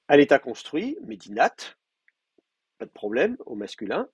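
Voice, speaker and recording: A man lecturing a class, explaining grammar step by step and slowly repeating word forms, with many hesitations. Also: fairly high pitch, huge pitch swings, husky, no room sound. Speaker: teacher. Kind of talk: university lecture.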